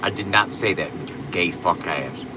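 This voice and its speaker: A man's voice: sits low, moderate pace, noisy background. A man chatting casually on a livestream in a blunt, profane, rambling way, his speech slightly slurred and lisping as with loose new dentures. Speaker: livestream host.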